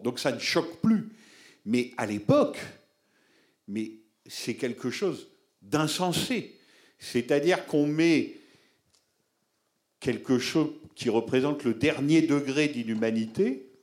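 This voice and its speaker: A man speaking at a public talk, laying out his points with emphasis. He builds his argument step by step and turns to the audience with direct questions, in a voice of ordinary middle pitch. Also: a little mellow. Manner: explanatory, emphatic, addresses listeners directly. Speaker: film lecturer answering audience questions.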